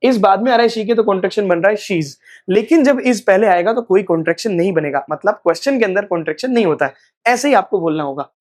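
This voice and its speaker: Male teacher drilling phrases slowly. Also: high voice. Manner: repeats example sentences slowly and deliberately. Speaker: spoken English teacher. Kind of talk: live online class explanation.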